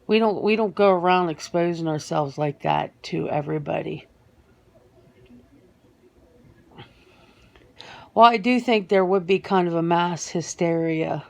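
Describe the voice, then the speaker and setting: In a soft-spoken ASMR interview roleplay, a woman plays a reluctant, sentimental female werewolf. Her lowish, gravelly voice comes out haltingly, with repeated words, and she sounds guarded yet earnest.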